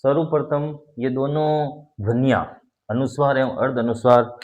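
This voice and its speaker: A man's voice: medium pitch, normal speed, darkish tone. A man teaching a grammar lesson, explaining step by step and repeating key points while he demonstrates sounds.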